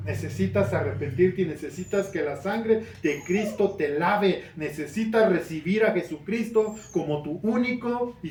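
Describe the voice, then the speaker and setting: A man's voice: high voice, a little mellow, a little hiss or hum. A man preaching a sermon as pastor in a church, earnest and building to emphatic questions. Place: church hall. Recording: roomy church sound from a distant mic.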